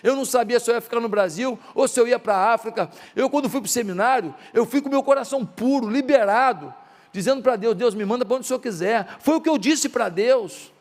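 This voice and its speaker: A man's voice: very high-pitched, a little fast, long reverb tail. A male pastor from Brazil preaching a sermon, asking his listeners questions and acting out dialogue. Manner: acts out quoted dialogue in softer voices; asks the congregation rhetorical questions.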